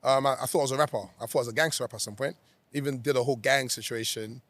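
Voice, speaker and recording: A man's voice: mid-range voice, steady tone, racing, fairly bright tone, no echo. A young man from Zambia, a guest in a casual interview who laughs often and talks freely.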